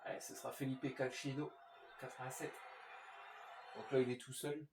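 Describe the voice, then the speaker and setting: Man, medium pitch, fry-edged voice, casual gameplay commentary, informal host, roomy echo. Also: flat delivery, normal speed, noisy background. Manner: informal, addressing viewers. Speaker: gaming video host.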